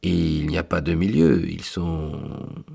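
A man voicing a tall, dark-winged male angel of purgatory with a raspy, mournful voice, often pitched higher than his own. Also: steady tone, slow, heavily acted. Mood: exasperated. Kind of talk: storytelling read-aloud.

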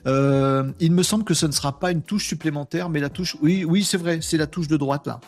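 A man's voice: a little high, fairly quick, darkish tone, soft background music. A man hosting a live webinar, talking casually and with energy, using slang and addressing his chat viewers directly. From France. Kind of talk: casual live-stream talk.

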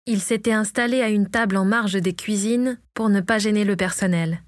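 A woman reads a storybook chapter aloud, calm and even, at a middling pitch. The recording is dry and close, with no room sound. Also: normal speed, no room sound. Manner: reads all characters herself, lightly varying her voice. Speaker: audiobook narrator. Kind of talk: scripted storybook narration.

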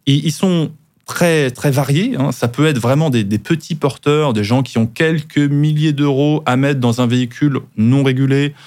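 A man's voice: medium pitch, normal speed, a little mellow. A man who is a lawyer, guest on a podcast, explaining things at length with frequent restarts.

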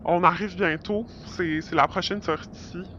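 Voice-changed woman smuggler, played by a performer, hesitant and full of fillers, mid-pitched, dull lo-fi sound. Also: fairly even intonation, unhurried, sharp tone, a little hiss or hum. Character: secretive woman digital nomad van driver. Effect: voice changer disguising the voice.

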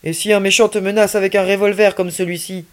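A woman's voice: mid-range voice, steady tone, fast, close to an everyday voice. A woman voicing a fatherly police officer in a children's story, teasing and mock-stern.

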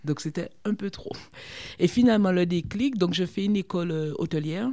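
A middle-aged woman from Guadeloupe, a former sprinter telling her story in an interview, chatty and lively with lots of fillers. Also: lowish voice, fairly quick. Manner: lively, chatty, full of fillers like hein and quoi.

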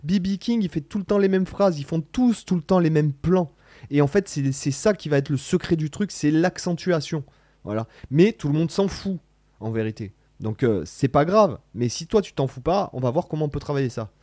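A man rants casually to his camera about guitar playing, in a mellow, darker voice. He talks in bursts, stressing words hard, trailing off and restarting often. The sound is dry and close, with no room around it. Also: a little high, moderate pace, no echo. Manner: animated, rambling, emphatic, slangy, many restarts. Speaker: guitar teacher vlogger. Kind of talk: casual spoken vlog to camera.

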